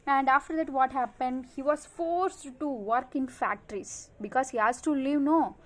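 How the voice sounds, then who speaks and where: A woman's voice: high voice, normal speed. A woman teacher giving a recorded class, repeating each point with many "okay" and "uh" fillers. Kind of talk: online class lecture.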